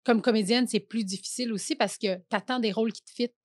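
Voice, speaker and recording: A woman's voice: on the high side, steady tone, fast, darkish tone, dry recording. A woman in her thirties with a Québécois French accent, chatting casually as a podcast guest, rambling with fillers and restarts and laughing often. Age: 30s. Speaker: comedian guest.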